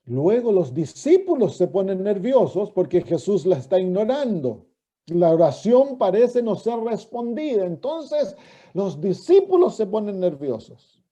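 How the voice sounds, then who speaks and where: A man's voice: sits high, sing-song, measured pace, mellow. A man, preaching a sermon as a pastor, reading scripture and asking his listeners questions. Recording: dull lo-fi recording.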